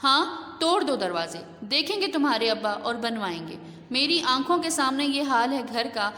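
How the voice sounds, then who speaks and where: A woman's voice: sits high, a bit bright, soft background music. A woman teacher voicing an aggrieved, tearful middle-aged housewife who complains shrilly, read aloud in an echoey room.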